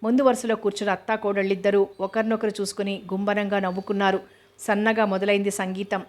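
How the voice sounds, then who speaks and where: A woman narrates a novel in a measured, even way. Her pitch sits in the middle and barely moves, so every line comes out in the same level tone. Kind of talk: reading a novel aloud.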